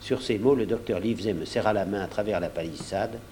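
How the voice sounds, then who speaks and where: A man narrating an audiobook in a measured storytelling manner. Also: fairly low pitch, dark tone, slight background noise. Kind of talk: audiobook reading.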